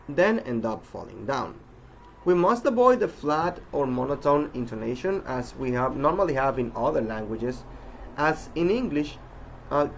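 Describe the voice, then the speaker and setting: A man teaching English pronunciation in a recorded lesson, speaking deliberately and slowing down to model each example word. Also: a little high, slight background noise, rough recording. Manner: deliberate, demonstrates sounds slowly with example words.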